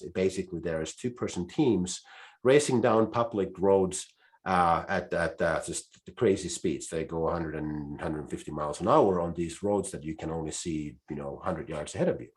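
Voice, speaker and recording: A man from Finland with a Finnish accent, giving a business presentation with frequent restarts and fillers. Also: deep voice. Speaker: conference speaker.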